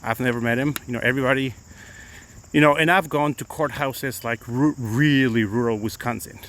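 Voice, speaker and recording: This attorney vlogger, a middle-aged man born in Mexico who grew up speaking Spanish, rambles casually on a live stream while walking outdoors in the morning, restarting many times. His Mexican-accented voice is medium-pitched and fairly bright, at a moderate pace.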